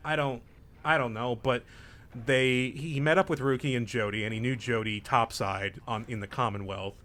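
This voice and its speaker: With game music playing behind him, a young man hosts a group let's play, recapping the story and explaining the mechanics in a laid-back, joking way. His medium-pitched voice is fairly even and a bit bright, delivered at a moderate pace.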